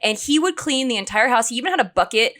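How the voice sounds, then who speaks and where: A woman co-hosting a casual chat, telling stories with lots of laughing and bursts of mock-angry shouting. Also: a little high, quick pace. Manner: animated storyteller who shouts in mock anger and laughs often. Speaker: podcast co-host.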